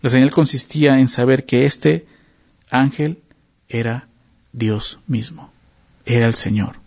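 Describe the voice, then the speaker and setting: Gravelly-voiced man preaching a sermon. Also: medium pitch, unhurried, darkish tone. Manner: conversational teaching with frequent tag questions; repeats words while searching for phrasing. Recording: dull lo-fi sound.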